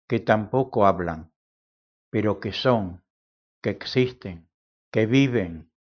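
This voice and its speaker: Slow, solemn low-voiced man reading. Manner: slow, declamatory, with long pauses. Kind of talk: solemn literary reading of a first-person monologue. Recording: dull lo-fi sound.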